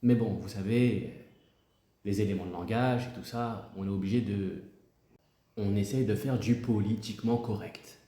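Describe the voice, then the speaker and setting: A man's voice: lowish voice, normal speed, warm tone, reverberant, lightly acted. A man playing a stern, pompous president in a comic sketch, insinuating and mock-diplomatic as he scolds and threatens. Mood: indignant, pompous.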